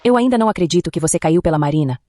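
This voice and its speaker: A woman narrator gives voice to a two-faced young woman who sounds syrupy and innocent. Her sweetness is brisk and lifted above the narrator's own low tone, with barbs tucked under every phrase. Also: lively intonation, mellow, lightly acted. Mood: sweetly catty. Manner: sugary, with hidden barbs.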